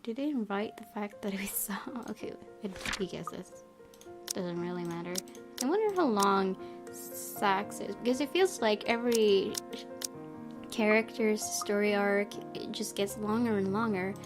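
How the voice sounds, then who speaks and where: A woman with a medium-pitched, unhurried voice hosts a gaming video playthrough, reading the story narration expressively and adding casual commentary. Game music plays behind her.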